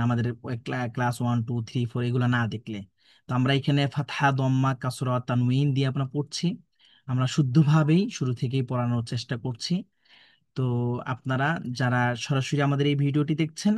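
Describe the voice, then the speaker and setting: A male Quran teacher with a Bangladeshi Bengali accent, giving a slow step-by-step recitation lesson and patiently drilling syllables in measured repetition. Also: mid-range voice, a little mellow, dry recording.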